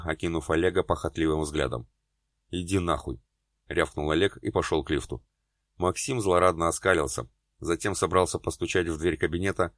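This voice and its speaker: A man narrating an audiobook with a very low voice. He reads steadily and dramatically through narration and dialogue alike. The recording is dry and close, with no room sound. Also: dry recording. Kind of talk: scripted narration.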